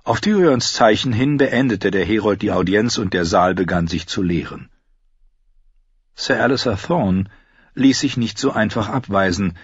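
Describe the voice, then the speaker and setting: Male fantasy audiobook narrator, husky, lively delivery, dry close read. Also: on the low side, normal speed, dry recording, muffled recording. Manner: storytelling, dramatic, with character voices.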